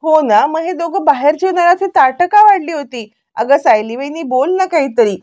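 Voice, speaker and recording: A woman voicing a calm, reasonable young brother-in-law who urges others to listen. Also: high voice, moderate pace, pitched above the performer's own voice. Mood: urging. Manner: reasoning, urging.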